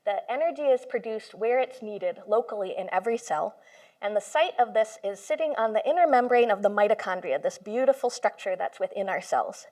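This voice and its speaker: A computational biologist gives an informal lecture to a live audience in a room, enthusiastically explaining through everyday comparisons. Her medium-pitched voice is lively, a little fast and a little mellow. She speaks into a handheld or stand mic that is moved closer at one point.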